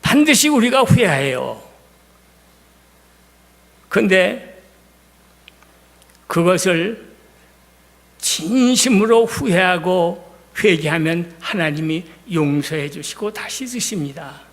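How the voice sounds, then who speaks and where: High, gravelly pastor preaching in a hall. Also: male voice, expressive, slow, pauses often. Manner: emphatic, dramatic retelling with swings between loud and hushed. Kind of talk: sermon. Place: church sanctuary. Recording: long hall reverb.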